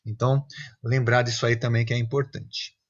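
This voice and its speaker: A man of middle pitch explains teaching tips in an online class. He talks in a casual, lively way and acts out his examples. The sound is a little dull and lo-fi. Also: moderate pace. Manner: lively, acts out examples, often asks "né, gente?".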